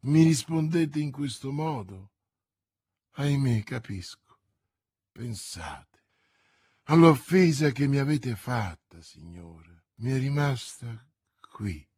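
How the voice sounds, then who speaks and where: A man's voice: medium pitch, expressive, slow, long pauses, a little mellow, breathy edge, no room sound, clean studio sound. A man voicing a vain, boastful musketeer who declaims grandly and pities himself. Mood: wounded dignity. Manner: pompous, theatrical declaiming.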